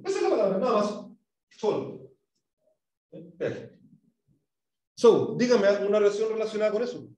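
A man's voice: a little high, a little mellow. Chilean man teaching English in an echoey classroom. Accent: Chilean Spanish. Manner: questioning, drills pronunciation. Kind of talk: classroom lesson. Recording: echoey room, mic far off.

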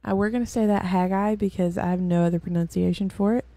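A woman's voice: lowish voice, fairly even intonation, fast talker, dark tone, no echo. A weary woman hosting and giving a casual, rambling Bible lesson, full of fillers and self-corrections. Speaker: host and Bible teacher.

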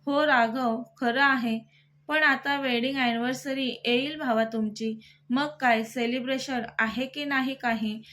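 A woman's voice: high voice, fairly even intonation, a little slow, a bit bright. A woman reading a teasing young male buddy. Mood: playful. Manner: playful, joking. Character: cheerful teasing young male best friend.

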